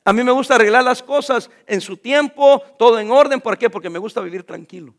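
High gravelly-voiced jovial pastor man. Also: a little fast. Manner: jovial, joking asides to the congregation. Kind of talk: sermon.

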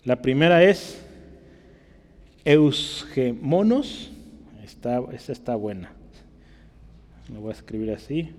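A man teaching a casual Bible class as a pastor, chatty and checking in with his listeners, stretching out key words slowly to stress them. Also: medium pitch, lively intonation. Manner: chatty, keeps checking in with the room. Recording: long reverb in a hall.

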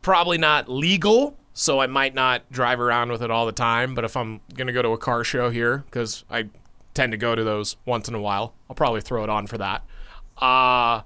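A young man co-hosting a casual podcast, chatting loosely and breaking into loud shouts and laughter. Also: mid-range voice, fairly even intonation, moderate pace, clear, resonant tone. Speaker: podcast co-host.

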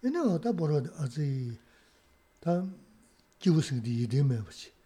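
A man speaking in a measured, casual way with soft hums between phrases. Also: on the high side, very animated.

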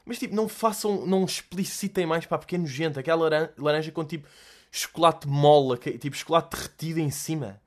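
A young man with a European Portuguese accent, hosting a casual solo chat and answering listener questions in an animated, joking way, full of slang and swearing. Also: on the high side, quick pace.

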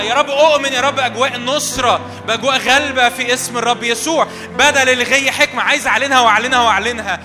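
A man with an Egyptian Arabic accent, a pastor leading a congregation in fervent, repetitive prayer declarations on a handheld mic. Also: extremely high pitch. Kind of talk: charismatic prayer sermon. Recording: hall reverb with worship music. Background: worship music.

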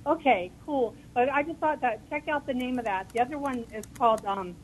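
A woman's voice: sits high, fairly quick, slight background noise. Chatty woman calling in on speakerphone. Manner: chatty, eager. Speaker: caller. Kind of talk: call-in radio chat. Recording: caller on a speakerphone over a phone line.

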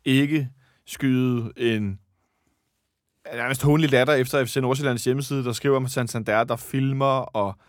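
A man's voice: mid-range voice, fairly even intonation, no room sound, studio quality. A man hosting a casual fan chat about a football match, rambling and correcting himself as he goes. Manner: chatty, rambling, self-correcting. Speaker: football podcast host.

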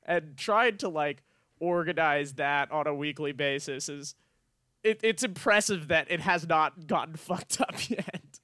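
A young man with a fairly high, clean voice chats casually as a podcast co-host. He is irreverent and free with swearing, and the sound is close and dry. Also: a little slow, bright, forceful tone, no room sound. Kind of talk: casual chat about a film.

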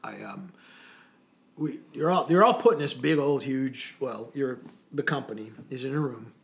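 A man's voice: mid-range voice, animated, moderate pace, vocal fry. A man telling rambling, chuckling anecdotes from his time in military training, as a guest in a casual interview. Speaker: interview guest, former Coast Guard sailor. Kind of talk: casual storytelling.

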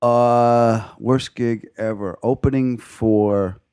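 A man's voice: mid-range voice, takes it slowly, smooth. A male comedian telling casual anecdotes, acting out quoted lines and swearing freely. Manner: animated, profane, acts out quoted lines. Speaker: stand-up comedian guest.

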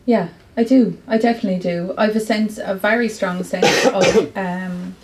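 This Irish poet from County Clare speaks at a bookshop event, giving earnest, thoughtful interview answers full of fillers. Her voice is medium-pitched and steady, moving at a moderate pace, with background noise in the recording.

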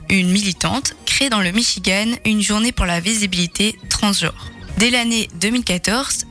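A woman's voice: medium pitch, a bit bright. A young woman with a Belgian French accent co-hosting a radio show, chatty and playful, laughing often. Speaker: radio co-host presenting a daily history segment. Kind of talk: lively radio chat.

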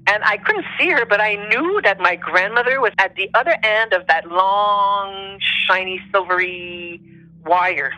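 A woman's voice: medium pitch, unhurried, pushed and bright, dry recording, soft background music, rough recording. A woman who is not a native English speaker tells personal stories conversationally, searching for English words as if translating in her head. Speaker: interview guest telling personal stories.

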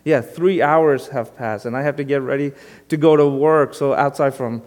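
A man's voice: mid-range voice, moderate pace, darkish tone. Conversational man preaching in a reverberant hall. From Brooklyn, New York. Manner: conversational, self-deprecating, with frequent fillers. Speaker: guest pastor. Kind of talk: sermon.

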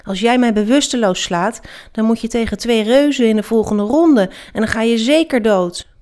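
A woman's voice: on the high side, moderate pace, a little mellow, close to an everyday voice. A woman voicing an impatient, bossy male zebra gladiator in a read-aloud storybook, snapping and barking his lines. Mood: gruff.

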